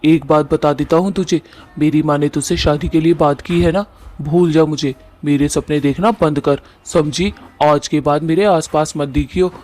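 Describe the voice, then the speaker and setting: A plain-spoken young husband from a cartoon story, voiced by a man, rough and blunt in his talk. His voice sits fairly high for a man. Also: steady tone, moderate pace, darkish tone, close to an everyday voice. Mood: harsh, dismissive. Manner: brusque, rough colloquial. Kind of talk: cartoon voice acting.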